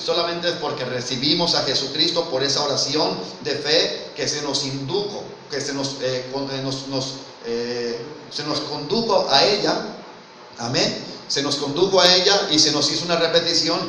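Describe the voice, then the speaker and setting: A little high, bright, and forceful, a man from Mexico preaches a sermon at normal speed with a Mexican Spanish accent. He's earnest, calls listeners "brother," and asks rhetorical questions. The church hall echoes heavily, and the distant mic catches faint noise.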